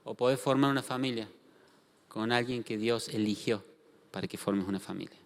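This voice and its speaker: A man's voice: on the low side, moderate pace. A man with an Argentine accent preaching a sermon, telling a story with acted-out dialogue and questions to the congregation. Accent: Argentine Spanish. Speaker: pastor. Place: church hall. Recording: long hall reverb.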